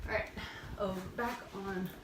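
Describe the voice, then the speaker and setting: A woman's voice: medium pitch, fairly even intonation, moderate pace. A woman leading a workout as a fitness instructor, explaining moves and counting reps informally, often thinking aloud. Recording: roomy, far from mic, noisy.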